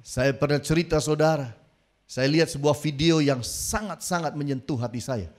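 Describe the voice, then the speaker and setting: A male pastor preaching a sermon, telling a story dramatically and rising to near-shouts at its peaks. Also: fairly high pitch, normal speed.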